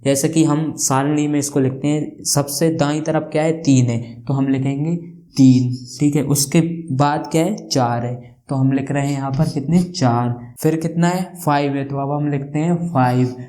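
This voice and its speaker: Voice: mid-range voice, fairly even intonation, moderate pace, dark tone. A maths teacher explaining a lesson, who keeps asking questions and answering them, and spells out place values one by one.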